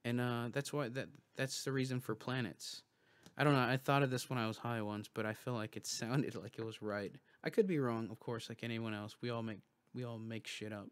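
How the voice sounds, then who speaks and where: A man's voice: mid-range voice, steady tone, fairly quick, dry recording. A man hosting a livestream, talking casually and musing aloud with loose restarts and swearing. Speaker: livestream host. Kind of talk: casual rambling monologue.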